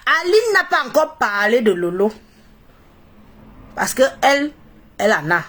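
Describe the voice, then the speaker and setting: Her voice a little high, bright and full of big pitch swings, a Cameroonian-accented woman with a head cold talks to her live-stream audience at a measured pace. She is derisive and opinionated, repeating phrases for emphasis.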